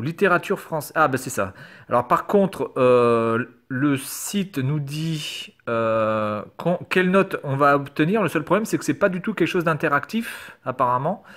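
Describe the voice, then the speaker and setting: A man's voice: mid-range voice, fairly bright tone. A man reading quiz questions aloud in a casual commentary video, sarcastic and hesitant, swearing now and then. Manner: reads quiz questions aloud and answers them. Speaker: YouTuber. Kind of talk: casual screen-recorded commentary.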